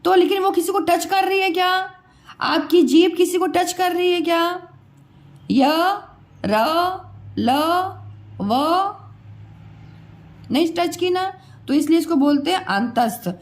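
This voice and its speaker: A woman's voice: very high voice, slow, pauses often, darkish tone. A woman teacher giving a pronunciation lesson, patiently repeating each sound and quizzing her students.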